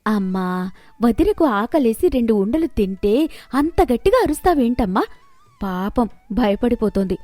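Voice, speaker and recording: A woman voicing a caring young unmarried sister-in-law in an animated story, speaking gently as she protests. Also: a little high, a little slow, dry recording, soft background music. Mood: protesting.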